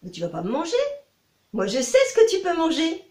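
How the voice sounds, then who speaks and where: A woman's voice: sing-song, fairly quick, darkish tone. Woman doing a cheeky little rabbit. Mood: teasing. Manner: high, bouncy, mocking. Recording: echoey room.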